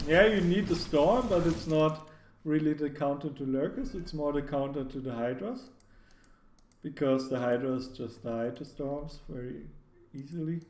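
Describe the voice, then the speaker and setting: A man casts a competitive strategy match in a relaxed, hedging way, often restarting his sentences. His voice sits at an ordinary middle pitch. It carries a roomy echo, with a faint hiss underneath from a home setup. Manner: hedging, filler-heavy analysis with frequent "like" and restarts. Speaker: commentator. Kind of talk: casual live esports commentary. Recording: echoey room, faint background noise.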